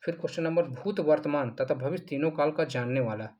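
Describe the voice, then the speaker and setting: A male teacher goes over mock test answers in a steady explanatory way. His voice sits a bit high for a man. He restates each answer and poses questions that he answers at once. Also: fast talker, highs cut off. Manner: explanatory, repeats answers, asks and answers own questions. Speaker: Hindi grammar teacher. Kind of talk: exam answer walkthrough.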